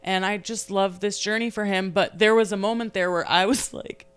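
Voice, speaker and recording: A young adult woman and podcast co-host in casual chat, telling an animated story and laughing often. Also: medium pitch, normal speed, clear, resonant tone, no room sound. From New England.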